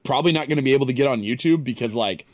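Male co-host, relaxed casual talker, dry recording. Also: medium pitch, rapid-fire, no echo. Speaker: podcast co-host. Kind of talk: casual podcast chat.

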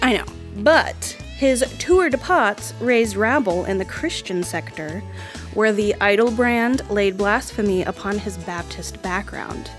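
A woman podcast host reading an absurd made-up biography in a straight, deadpan delivery. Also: mid-range voice, measured pace, soft background music. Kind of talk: comic mock-biography reading.

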